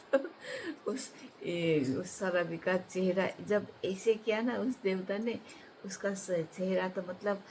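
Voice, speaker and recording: A woman telling a comic folk tale in a casual, halting way, with many fillers and restarts. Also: mid-range voice, steady tone, darkish tone, a little hiss or hum. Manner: halting, with many fillers and restarts, laughing at her own jokes. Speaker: storyteller, channel host.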